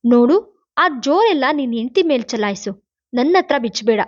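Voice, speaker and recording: Woman narrator voicing a bitter, snappish young woman, higher voice, muffled dry audio. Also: lively intonation, normal speed. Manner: sharp, bitter retorts. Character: proud, bitter young woman, quick to snap. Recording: dull lo-fi, dry.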